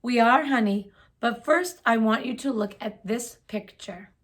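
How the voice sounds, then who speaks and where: A woman's voice: on the high side, measured pace. A woman reading aloud, voicing a firm, loving elderly grandmother in a children's storybook. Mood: reassuring.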